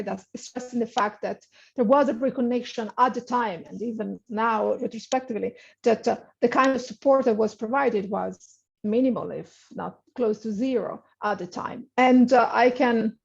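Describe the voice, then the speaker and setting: A woman's voice: a little high, creaky, a little mellow. A woman giving an academic research presentation in a webinar, talking with many fillers and restarts. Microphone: video call. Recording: muffled lo-fi webinar audio.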